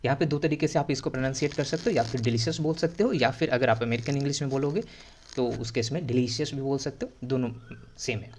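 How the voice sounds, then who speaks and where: A man teaching English to Hindi speakers, who reads English story lines slowly and word by word, then explains their meaning in quick, repetitive Hindi. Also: mid-range voice, a little mellow, slight background noise. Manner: repetitive, checking in with "theek hai".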